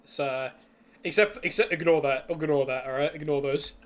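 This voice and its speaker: A man's voice: fairly high pitch, fairly even intonation, normal speed. A young man casually chatting on a live stream while building a game level, laughing and rambling with restarts.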